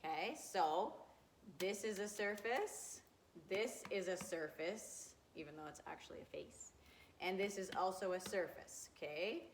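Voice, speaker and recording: A woman teaching a grade two math lesson to young children, gentle and encouraging, asking questions and answering them herself. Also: mid-range voice, a little slow, a little hiss or hum.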